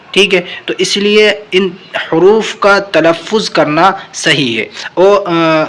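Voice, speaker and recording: A man teaching Quran reading, patiently repeating each letter slowly. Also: a little high, bright, forceful tone. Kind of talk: step-by-step recitation lesson.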